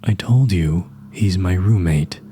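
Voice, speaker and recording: A man doing a cold, flat-voiced captor. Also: fairly low pitch, measured pace, slight background noise, pitched above the performer's own voice, natural voice. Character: man gone cold, captor of his old friend.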